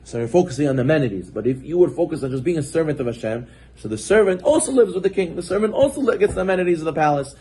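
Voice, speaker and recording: A man's voice: on the high side, animated, rapid-fire, warm tone, slightly rough. A man, a rabbi, giving a Torah class in a conversational way, acting out little scenes with his voice rising as he goes.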